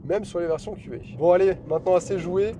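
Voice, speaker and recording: A man's voice: sits high, fast, noisy background. A man presenting a chatty, enthusiastic car review, talking from the driver's seat and then beside the car.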